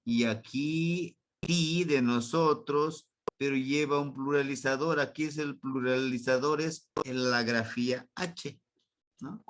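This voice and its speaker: A man from Mexico teaching a Nahuatl grammar lesson online, slow and patient, repeating words for his students. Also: medium pitch.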